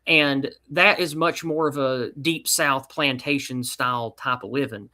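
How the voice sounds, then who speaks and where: Bright-voiced East Tennessee man, folksy. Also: medium pitch, steady tone, unhurried. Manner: folksy, rambling, with colloquial slang. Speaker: guest. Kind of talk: casual podcast chat.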